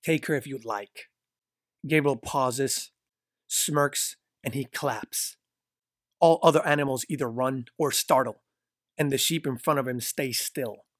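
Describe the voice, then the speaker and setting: Male storyteller, mid-pitched, steady descriptive read, dry close recording. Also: unhurried, no echo. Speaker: narrator. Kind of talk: scripted story narration.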